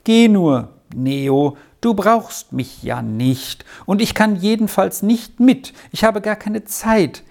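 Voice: mid-range voice, animated, slow pace, vocal fry, hardly any pauses, darkish tone, pitched above the performer's own voice. A reader voicing a slight, dutiful ten-year-old boy in a storybook reading, pleading and indignant by turns.

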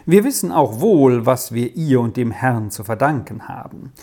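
Calm farmer's wife as a reader does her, unhurried, mellow. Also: medium pitch, close to an everyday voice.

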